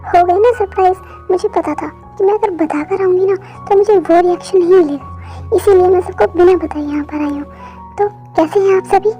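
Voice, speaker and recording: A woman's voice: very high-pitched, a little fast, warm tone, highs cut off, faint music behind. A woman voicing a cheeky, attention-seeking young woman in a fan dub. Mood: chirpy.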